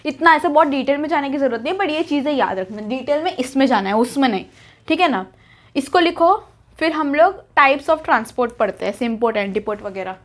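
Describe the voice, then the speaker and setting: A young woman with a high, expressive voice gives a biology lesson at the whiteboard at a moderate pace. She's chatty, keeps repeating the key terms, and asks questions only to answer them herself.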